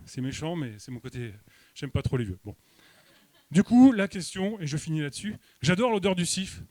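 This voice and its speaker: Deadpan French man doing stand-up. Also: on the high side, normal speed, no echo. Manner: deadpan, mock-serious delivery with hesitations. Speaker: stand-up comedian. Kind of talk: stand-up comedy set. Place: comedy club stage.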